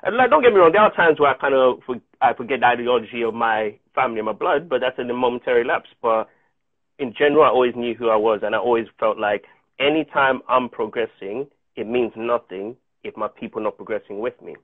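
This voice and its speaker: A guest actor in his thirties, a South African whose first language is Chichewa, tells stories earnestly and reflectively in a casual interview, restarting often. He's on a video call from a room at home using an earphone mic, and the audio is tinny, dry and phone-like. His mid-range voice moves at a quick pace.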